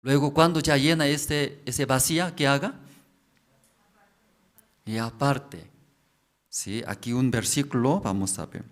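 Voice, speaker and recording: A man's voice: mid-range voice, slow pace, pauses often. A man preaching as a pastor. He repeats phrases and keeps asking the congregation questions. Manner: repetitive, asks the congregation questions. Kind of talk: slow sermon explaining scripture.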